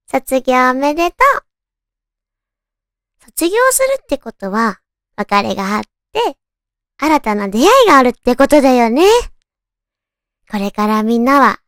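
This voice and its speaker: A woman with a naturally cute, girlish anime-style voice hosts a casual solo radio chat, talking to her listeners in a cutesy, animated way. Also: fairly high pitch, dry recording, studio quality. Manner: cutesy, animated, addressing listeners with soft questions. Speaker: radio show host.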